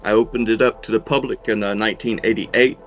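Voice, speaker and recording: A middle-aged man in a casual interview, talking in an unhurried, folksy way with dry humour, as a horror host. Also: fairly low pitch, steady tone, faint music behind. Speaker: horror host and monster museum owner being interviewed.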